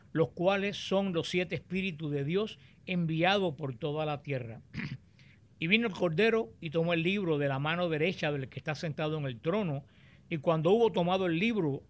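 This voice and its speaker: A man teaching on the Bible, explaining and reading scripture aloud in a deliberate, explanatory way. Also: on the high side.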